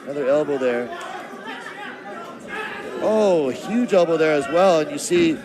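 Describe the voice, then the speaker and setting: A man giving live MMA play-by-play commentary in a measured, descriptive announcer style. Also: a little high, expressive. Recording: crowd noise and music behind. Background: arena crowd and music.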